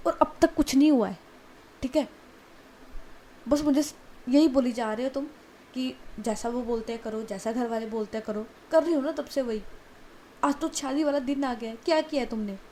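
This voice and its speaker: A woman's voice: medium pitch, mellow, slight background noise, lightly acted, rough recording. A woman voicing a frightened young bride who pleads tearfully and panics. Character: frightened young bride desperate for her love.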